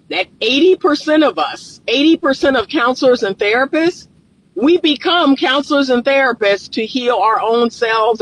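A woman's voice: on the high side, a bit bright, low-quality recording. A woman in her fifties, a relationship coach and counselor, giving an emphatic vlog talk from her car and repeating phrases for stress. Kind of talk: casual talking-head vlog. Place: inside a parked car. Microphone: phone camera on the dashboard.

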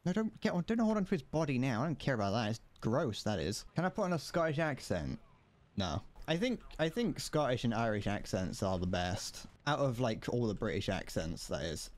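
A man's voice: medium pitch, very animated, fairly quick. Rambling, jokey young male streamer. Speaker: gaming streamer. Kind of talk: casual commentary while gaming.

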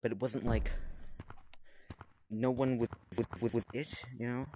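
A man's voice: medium pitch, little pitch movement, unhurried, mellow. Man, casual gameplay commentary, self-conscious, rambling, headset mic, faint background noise. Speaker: gameplay vlogger.

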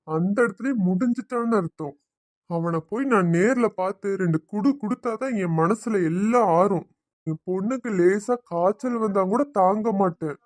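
A woman's voice: mid-range voice, no room sound, studio quality, lightly acted. A woman voicing a stern, furious village father. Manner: stern, threatening. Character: angry protective middle-aged father.

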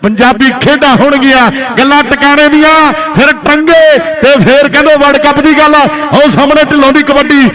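A man's voice: very high-pitched, steady tone, moderate pace, few pauses. A man calling a live kabaddi match, announcing in repeated phrases. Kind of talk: live sports commentary. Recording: crowd noise at outdoor match.

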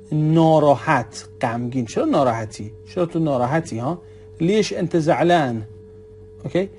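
A man teaching a language lesson, saying each example word slowly and repeating it with its meaning. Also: a little high, warm tone. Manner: stretches out example words, then repeats them with the meaning. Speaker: Arabic dialect teacher.

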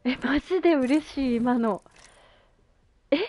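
A game streamer gushes during a live stream, full of youthful slang and exclamations as she plays. Her voice is high-pitched and darkish, she takes things slowly, and there is no echo.

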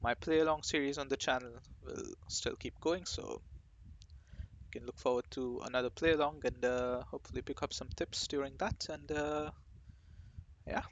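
A man hosting his own gaming channel talks casually and at length, his sentences full of fillers, restarts and loose asides. His voice sits at an ordinary middle pitch. A faint noise runs under the recording, with occasional clicks. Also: fairly even intonation, moderate pace, muffled recording. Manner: rambling, hesitant, many fillers and restarts. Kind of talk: casual rambling talk to camera.

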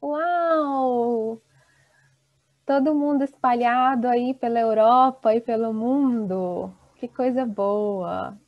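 Woman teacher on a video call, kinda high voice, talks super slow, muffled dry mic. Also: steady tone, dry recording. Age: 30s. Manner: slow, encouraging, reads out students' chat replies. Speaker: Portuguese teacher. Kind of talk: online language class.

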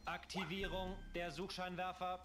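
A man voicing a stern robotic security system that gives flat, clipped alarm announcements in a video game. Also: sits high, moderate pace, loud music behind the voice, lightly acted.

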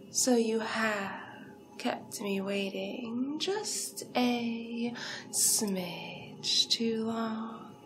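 For an ASMR hypnosis roleplay, a performer stays in character as a seductive, hungry vampire villainess with a hypnotic, poised presence. Her fairly high voice is very slow, breathy and deliberate, often turning to whispers, with slight background noise.

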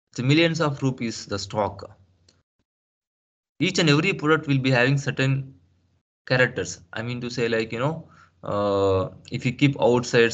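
A man teaching a software lesson over a screen share, explaining step by step with rhetorical questions, fillers and restarts. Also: mid-range voice. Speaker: SAP trainer. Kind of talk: screen-share tutorial lecture.

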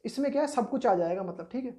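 A woman's voice: a little high, lively intonation, dark tone. A woman teaching an exam-prep lesson, explaining each point patiently and often checking in with the listener. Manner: patient, repeats points with tag questions; reads English definitions slowly and deliberately.

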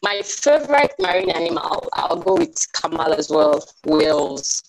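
A woman's voice: high voice, steady tone, a little slow, gravelly, low-quality recording. A woman from Nigeria, a council president, introducing herself in a cheerful, chatty way on a video call. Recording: video call audio with faint hiss.

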